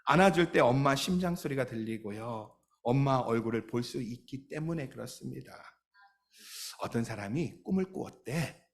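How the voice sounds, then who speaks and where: A man's voice: medium pitch, animated, normal speed. A male pastor delivering a sermon. He tells stories emphatically and adds touches of light humor.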